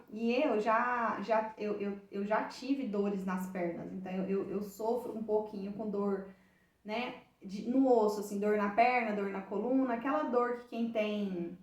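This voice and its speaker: A woman's voice: medium pitch, a little mellow, roomy sound, far from the mic. A woman with a Brazilian Portuguese accent giving an emotional church testimony to a group of women, retelling it with heartfelt repetition and many restarts.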